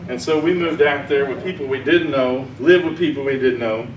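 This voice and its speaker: At medium pitch and a fairly quick clip, an Arkansas man with a Southern accent rambles through a folksy conference sermon talk, chuckling at his own jokes. There's slight background noise, and the hall's echo and distant mic color the sound.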